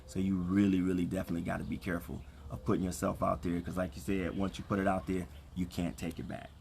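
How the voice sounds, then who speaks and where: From a backyard, a man co-hosting a relationship ministry livestream encourages couples in a casual chat laced with preacherly encouragement. His deep, gravelly voice stays level and rather dark as he talks fast, earnestly repeating phrases for emphasis. Some background noise from the outdoor stream can be heard.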